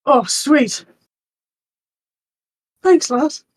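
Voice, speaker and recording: A woman's voice: high-pitched, expressive, extremely slow, exaggerated voice. A woman playing a cheerful, drunk male adventurer in a tabletop game, calling the barkeep lass in a raised, friendly voice.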